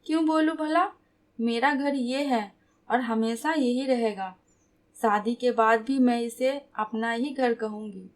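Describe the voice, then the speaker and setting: A woman's voice: a little high, takes it slowly. A woman voicing a spirited, stubborn young woman about to marry, emotional and pouting. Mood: upset.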